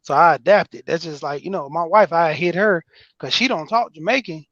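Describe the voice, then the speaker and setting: Atlanta-sounding man, slightly high voice. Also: normal speed, a bit bright, dry recording, muffled recording. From New Mexico. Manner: hesitant, trailing off, restarting. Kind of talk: casual podcast chat.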